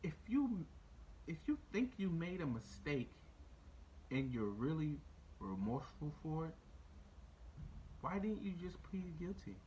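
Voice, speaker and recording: A man hosting a podcast, talking in a loose, profane rant. His pitch swings widely and leaps high when he gets incredulous, and he circles back to repeat his points. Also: sing-song, measured pace, pauses often, warm tone, highs cut off, slight background noise. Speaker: podcast host. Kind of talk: casual opinion rant.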